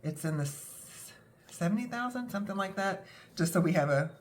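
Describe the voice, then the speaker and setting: Young woman, scratchy cold-roughened voice, casual rambling delivery, mid pitch, faint background noise. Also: animated, fairly quick. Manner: rambling, self-deprecating, with many fillers. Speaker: budgeting vlogger. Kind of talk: casual talk to camera.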